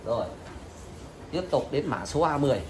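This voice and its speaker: A man's voice: medium pitch, brisk. A man from Vietnam selling plants in an insistent, repetitive hard-sell style, plugging prices over and over. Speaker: orchid seller. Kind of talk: hard-sell live sales pitch. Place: open-sided plant nursery yard. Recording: noisy outdoor phone-style video, ambient noise.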